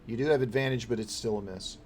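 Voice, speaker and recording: A man's voice: medium pitch, fast, a little mellow. Man game mastering, faint background noise. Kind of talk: running a tabletop role-playing game.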